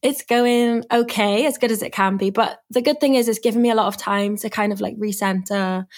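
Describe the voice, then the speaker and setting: A woman's voice: mid-range voice, fairly even intonation, brisk. A young woman from Swansea with a Welsh accent, chatting casually and informally as an interview guest. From Swansea, Wales. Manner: informal, frequent "like". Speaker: guest, singer and music artist. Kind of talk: casual chat.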